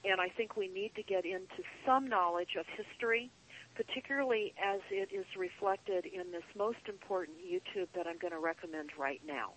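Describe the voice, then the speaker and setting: A woman guest on a call-in show, speaking in an earnest, deliberate, emphatic way, like a paranoid late-night rant with drawn-out phrases. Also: fairly low pitch, a bit bright, slight background noise, poor audio. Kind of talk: earnest conspiracy monologue.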